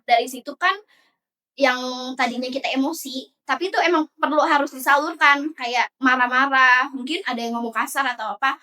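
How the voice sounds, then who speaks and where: A young adult woman co-hosting a podcast talks in a casual chat with a high, bright voice and a steady tone. She's talkative, explaining her opinions at length in long turns and slipping into quick acted-out examples. She sounds set back from the microphone, recorded from a distance.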